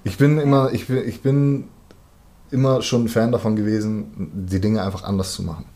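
A German-speaking rapper talks casually in colloquial terms, his fairly low, dark voice keeping a steady tone and moderate pace. As a musician in conversation, he often hesitates while finding his words.

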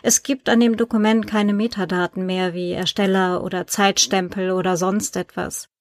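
A woman's voice: medium pitch, flat delivery, moderate pace, no room sound, lightly acted. A woman voicing a polite, persistent male journalist in an audiobook, in a businesslike questioning manner and close to her own voice. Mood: explaining.

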